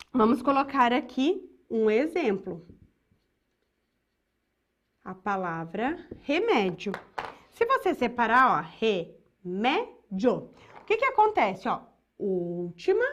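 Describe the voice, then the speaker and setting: A Brazilian woman teacher giving an exam-prep grammar lesson, explaining step by step and checking in with her students often. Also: fairly high pitch. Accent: Brazilian Portuguese.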